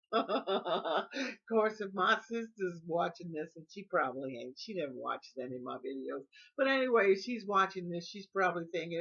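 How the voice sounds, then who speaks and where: A woman's voice: fairly low pitch, dull audio. A middle-aged woman, telling a childhood story on her vlog in a folksy way and laughing often. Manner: folksy, laughing as she tells it. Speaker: vlogger.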